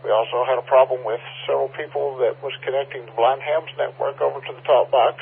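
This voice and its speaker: This man has a mid-range voice with vocal fry and a breathy edge, talking fast with fairly even intonation. He is giving an informal, conciliatory explanation as an announcement over an amateur radio link, and the transmission sounds muffled and phone-like.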